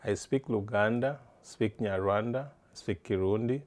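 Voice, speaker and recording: Searching for words as he goes, a middle-aged man from East Africa responds to interview questions in a halting manner and often starts his phrases over. His voice is fairly low in pitch.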